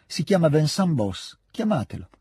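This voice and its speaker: A man's voice: a little high, very animated, moderate pace, mellow, breathy edge, no echo, clean studio sound, voice pushed up, heavily acted. A man voicing a good-natured male partisan commander who speaks in an easygoing, indulgent way. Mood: kindly.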